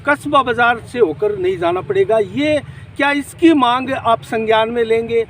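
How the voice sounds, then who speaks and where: A local news reporter pressing a politician with direct questions and reporting live from a farmers' protest site outdoors. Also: male voice, very high voice, normal speed, a bit bright. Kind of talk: street interview and on-the-spot report. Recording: busy street crowd and noise.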